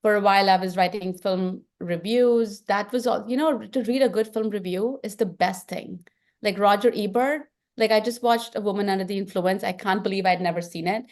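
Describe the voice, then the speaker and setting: A woman's voice: medium pitch, moderate pace, darkish tone. A middle-aged woman with an Indian accent, a film director talking earnestly in an interview and thinking aloud with frequent restarts. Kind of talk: reflective interview talk.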